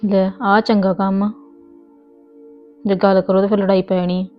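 In a family comedy skit, a woman takes the role of a stubborn young married woman who argues readily, scolding and insisting as her voice rises. Her medium-pitched voice is flat, a little slow, and close to everyday speech. The sound is lo-fi with soft background music, and the mood is soothing and scolding.

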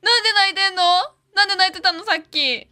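A woman's voice: very high voice, fast talker, sharp tone. A woman hosting a gaming video, talking casually while she plays and easily getting scared, with frequent startled exclamations and repeated words. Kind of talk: casual game commentary.

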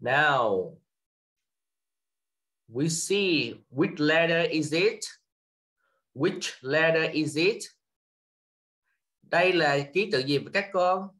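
A man with a Vietnamese accent teaching English to children, switching between Vietnamese and slowly repeated English words for the kids to copy. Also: a little high, expressive, fairly bright tone. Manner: slow drawn-out repetition of English words.

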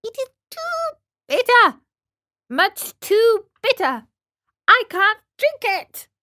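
A woman's voice: very high voice, big pitch swings, slow pace, sharp tone, voice pushed up, exaggerated voice. A woman voicing a petulant, stubborn little wooden puppet boy in a storybook reading, whiny and dramatic. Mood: whining.

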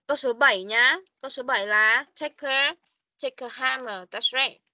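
A woman teaching an online English class over a video call, coaching and correcting her pupils quickly. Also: high voice, pushed and bright, no room sound. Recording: dull online meeting audio.

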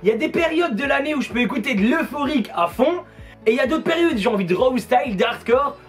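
A man's voice: very high voice, animated, quick pace. A Belgian man with a Belgian French accent, chatting casually and enthusiastically about music tracks in a joking vlog style. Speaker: DJ and music video host.

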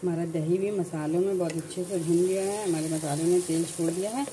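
A woman narrating a home cooking tutorial, calmly explaining each step in order. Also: on the low side, brisk, a little hiss or hum, poor audio. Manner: calm step-by-step instructions. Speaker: cooking channel host.

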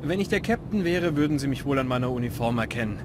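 A man's voice: medium pitch, lively intonation, fast talker, noisy background, natural voice. A man voicing a young adventurer in a fan-dubbed adventure game, dry and self-mocking. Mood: wry. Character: wry young male adventurer.

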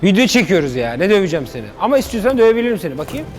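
A man vlogging in a joking, animated way, talking to his viewers. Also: high voice, rapid-fire. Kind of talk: comedic vlog.

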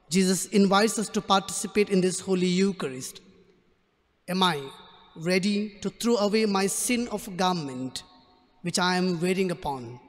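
A priest leads the Mass at a pulpit microphone, his voice pitched high and unhurried in its solemn rhythm. The sound rings out with the long reverb of a large church. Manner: measured, solemn liturgical delivery. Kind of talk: liturgy and homily at Mass.

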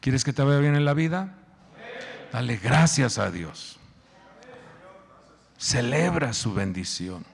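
A male pastor preaching a sermon, animated and quizzing the congregation. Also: medium pitch, takes it slowly, creaky, long pauses, big-room sound.

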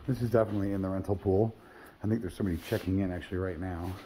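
With a warm tone and fairly even intonation, a real estate agent talks very fast while walking through a condo and briefly outside. The tour is off the cuff, low-key and matter-of-fact, like he's thinking aloud. A handheld phone at arm's length records it amid background noise.

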